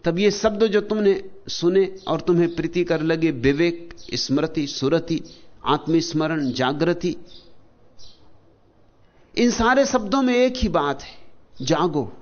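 A man giving a spiritual discourse, slow and deliberate, setting out single words one at a time with long pauses between them. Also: on the high side, muffled recording. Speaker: spiritual teacher.

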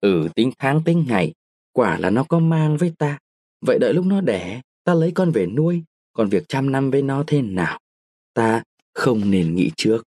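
A man's voice: mid-range voice, big pitch swings, normal speed, darkish tone, no echo, clean studio sound. A man reading a story, voicing an evasive young man who coaxes and soothes his lover. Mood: musing. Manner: soothing, coaxing.

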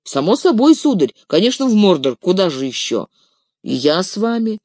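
A reader voicing a devoted, excitable young male hobbit servant who pleads in shrill, tearful outbursts. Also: normal speed, no echo. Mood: pleading. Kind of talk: audiobook character reading.

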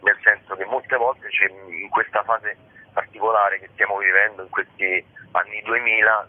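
A man who curates a digital theatre book series gives an informal interview over the telephone as a guest, explaining things hesitantly while searching for words. His voice is lowish and slightly rough, with phone-line sound on radio.

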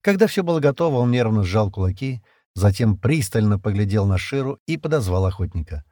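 A man narrating an audiobook in an expressive, dramatic storytelling manner. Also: on the low side, brisk, no echo, studio quality. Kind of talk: scripted narration.

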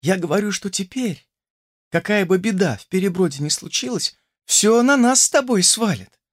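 A man reading an audiobook voices a gentle, fatalistic young woman who speaks softly and tenderly. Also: high-pitched, lively intonation, normal speed, no echo, studio quality, voice pushed up. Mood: calm. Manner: soft, tender, quietly insistent.

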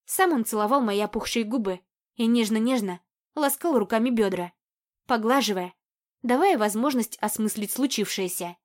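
A woman narrating a first-person romance audiobook in an intimate, even, unhurried reading. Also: fairly high pitch. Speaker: audiobook reader.

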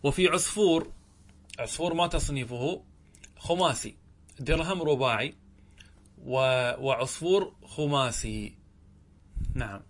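A male grammar teacher giving a lesson in a classroom. He talks at an unhurried pace, stretches out each example word and says it more than once. He keeps asking his listeners short questions as he goes. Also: mid-range voice. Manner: slow and deliberate, repeats and stretches out example words, asks the class questions. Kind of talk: classroom lesson explaining a text.

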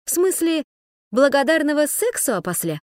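A sarcastic young woman , as a female narrator puts her on, snapping back in a raised, loud voice. Defiant rather than cowed, her retorts come out mocking and quick. The sound is dry and close, with no room around it. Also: high voice, big pitch swings, no echo, voice pushed up. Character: sharp-tongued young woman, sarcastic, scared but defiant.

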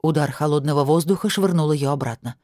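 A woman narrating a fantasy audiobook in a steady, even storytelling manner. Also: deep voice, fast, dry recording, clean studio sound.

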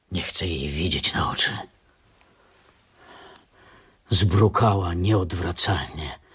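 An anguished, furious son. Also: male voice, low-pitched, breathy edge, heavily acted. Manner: impassioned, rising to fierce outbursts. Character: grief-stricken young son accusing his mother. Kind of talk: radio drama.

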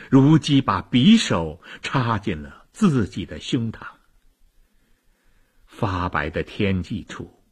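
A man telling a historical tale dramatically, swinging from loud declaiming to hushed low asides. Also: slightly rough. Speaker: storyteller.

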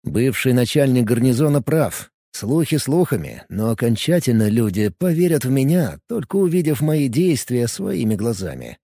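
A man narrating a fantasy novel in first person with lively storytelling. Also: medium pitch, moderate pace, creaky, few pauses, slightly rough, no echo, clean studio sound. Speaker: audiobook narrator.

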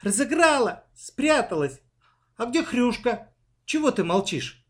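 A man voicing a frightened, gentle young girl who pleads anxiously in a storybook reading. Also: very high-pitched, big pitch swings, measured pace, voice pushed up, full character voice. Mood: relieved.

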